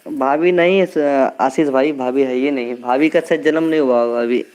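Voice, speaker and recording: A man's voice: medium pitch, a little fast, darkish tone, clear, resonant tone, rough recording. A man hosting a live stream, chatting casually with viewers and teasing them by name. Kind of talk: casual live chat reading comments. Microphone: earphone mic.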